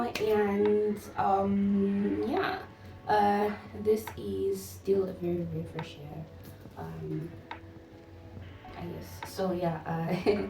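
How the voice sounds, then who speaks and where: Female vlogger, mid-pitched, informal and rambling, a little tipsy, recorded roomy and away from the mic. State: tipsy, smoking and drinking. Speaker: music vlogger hosting her own channel. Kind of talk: casual vlog chat to camera. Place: garden with a fan running. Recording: roomy, distant mic, music behind.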